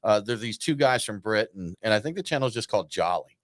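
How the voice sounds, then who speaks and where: A man from Georgia, USA, co-hosts a casual podcast, telling stories and teasing his co-host as a chatty storyteller. His voice is on the low side, animated and fast, with no room sound.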